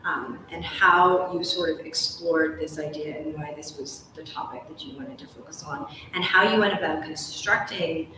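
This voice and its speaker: A woman hosts a live, on-stage style book interview in a large, ornate hotel room, speaking effusively and discursively and pausing often as she builds long questions. Her voice sits low with fairly even intonation. The recording is echoey, with a distant mic and faint noise.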